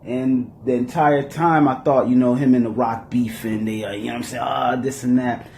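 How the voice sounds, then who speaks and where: A man hosting a podcast in casual chat, telling stories in animated street slang and swearing freely. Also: medium pitch, moderate pace, creaky, roomy sound. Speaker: podcast host.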